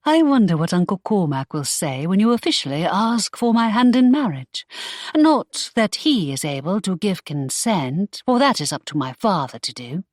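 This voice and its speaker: A spirited young gentlewoman from a romance audiobook, played by a woman narrator, earnest and playful. Her voice moves lively and sits close and dry. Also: medium pitch, moderate pace, no room sound.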